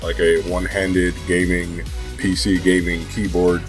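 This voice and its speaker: Over background music, a young man with a cold talks about gaming in a low, monotone, unhurried voice. His nose is stuffed up, and he rambles in a relaxed, hesitant way, cursing often as he vlogs.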